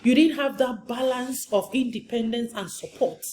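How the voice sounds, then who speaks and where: A woman's voice: a little high, moderate pace, darkish tone, a little hiss or hum. A woman marriage counselor giving an earnest, emphatic teaching talk, often repeating her points for stress.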